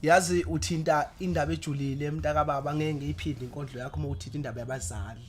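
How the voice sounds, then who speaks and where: A man's voice: a little high, fairly even intonation, rapid-fire, faint music behind. A man with a Zulu accent hosting a casual interview, repeating phrases for emphasis. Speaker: interviewer, host. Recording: faint background noise.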